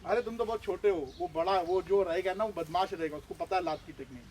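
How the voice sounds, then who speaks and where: High-voiced man teaching children outdoors. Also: fast talker, slight background noise. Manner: lively, asks the children questions. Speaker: outreach trainer. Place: village, outdoors.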